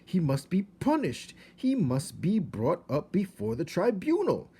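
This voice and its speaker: A man voicing an outraged, melodramatic father mouse in a storybook, exclaiming in loud indignation. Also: high-pitched, huge pitch swings, a little slow, breathy edge, voice pushed up, heavily acted. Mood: furious. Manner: exclamatory, dramatic, shouting. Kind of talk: storybook character voice.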